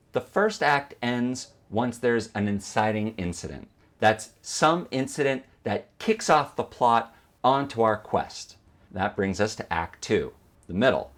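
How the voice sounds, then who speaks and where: A man narrating an instructional video as a teacher, explaining step by step and posing questions that he then answers. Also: medium pitch. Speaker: film editing instructor.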